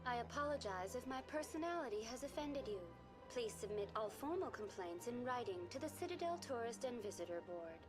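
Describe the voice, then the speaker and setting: A woman voicing a virtual intelligence tour guide in a video game, speaking in a too smooth, even, polite android manner. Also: fairly high pitch, brisk, few pauses, close to an everyday voice. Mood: smooth, courteous. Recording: game audio with background music.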